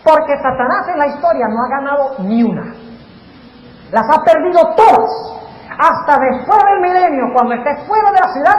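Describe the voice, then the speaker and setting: A male pastor preaching an animated sermon and asking the congregation questions. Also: very high voice, dull audio. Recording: echoey hall with faint noise.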